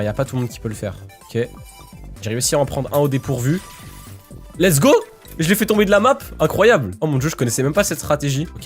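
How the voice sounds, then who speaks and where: A man narrating his own gameplay in an excitable way, full of quick exclamations. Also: on the high side. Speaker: gaming YouTuber. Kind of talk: gameplay commentary.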